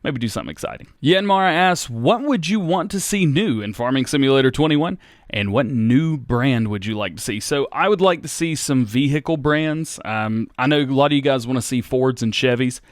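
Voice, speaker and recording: In a relaxed Q&A for his gaming channel, a US YouTube host in his thirties reads out what viewers asked and rambles through replies, often restarting and using fillers. His mid-range voice keeps a moderate pace. The audio is clean studio quality, free of room sound.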